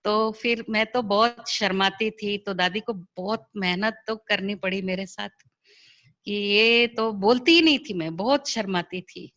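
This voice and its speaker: A woman's voice: medium pitch, a little slow. A middle-aged woman telling her personal spiritual story over a video call, acting out the voices of people she quotes. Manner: lively, acts out quoted dialogue. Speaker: spiritual sister sharing her experience.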